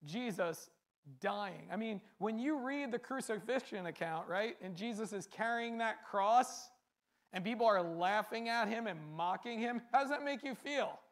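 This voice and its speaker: A man's voice: high voice, unhurried. A man preaching a sermon, speaking earnestly in a repetitive cadence and often asking rhetorical questions.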